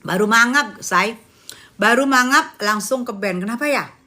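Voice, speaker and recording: Live-stream host, woman, bright higher voice, chatty and laughing. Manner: chatty, laughing, quick swings between loud and hushed. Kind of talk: casual live-stream chat.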